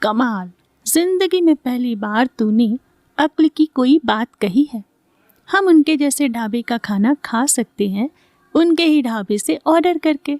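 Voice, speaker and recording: A woman's voice: high-pitched, lively intonation, unhurried, a little mellow, no echo, studio quality. A woman voicing an impatient, scolding older man who heads the family, in a storybook reading. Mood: mocking.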